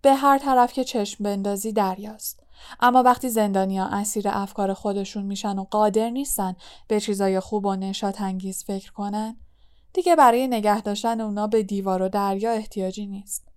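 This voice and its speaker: A woman reading the part of a gentle, weary middle-aged male teacher, calm and earnest, in an audiobook. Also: medium pitch, clean tone, natural voice. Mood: grave. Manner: calm, earnest, comforting explanation.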